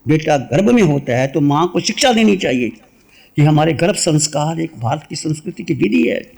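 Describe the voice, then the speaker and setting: A man giving a religious sermon and a guided meditation, speaking in a measured way and repeating short phrases. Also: on the high side, animated, gravelly, a little mellow. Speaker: Jain monk giving a discourse.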